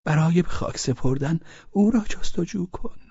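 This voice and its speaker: A man voicing a drunk, pleading middle-aged man with a high, wailing whine. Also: creaky, dark tone, slightly rough, no room sound, dull audio. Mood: sly.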